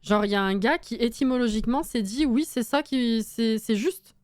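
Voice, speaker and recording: A woman's voice: fairly high pitch, moderate pace, a little mellow, dry recording, clean studio sound. A young woman chatting casually on a live stream while building in a game, reading chat aloud, swearing and laughing often.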